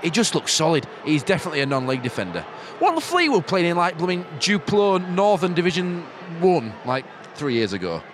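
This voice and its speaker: A man's voice: on the high side, big pitch swings, brisk, few pauses. A British man co-hosting a football podcast with dry, teasing banter outdoors. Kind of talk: casual banter and match chat. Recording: noisy outdoor stadium with traffic.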